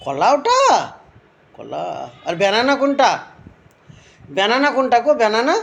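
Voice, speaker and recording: A woman playing with her toddler at home, asking simple questions again and again and gently scolding with tutting sounds. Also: fairly high pitch, very animated, normal speed, vocal fry. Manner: repeats simple questions over and over. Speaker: parent filming her toddler. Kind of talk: playful coaxing talk to a toddler.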